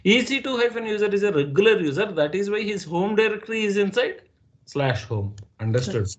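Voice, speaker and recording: A man's voice: sits high, sing-song, fairly quick, dull audio. Patient Indian man teaching class. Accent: Indian English. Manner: patient, repeats and checks understanding. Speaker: instructor. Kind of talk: live online class teaching.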